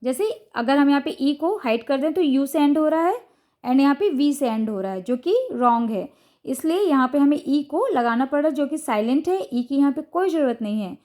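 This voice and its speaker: Woman, Indian accent, high-pitched, patient, explaining a lesson, young adult. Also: lively intonation, moderate pace, warm tone. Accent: Indian English. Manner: patient, repeats "ठीक है" to check understanding. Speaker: teacher and channel host. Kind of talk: explaining phonics lesson to parents.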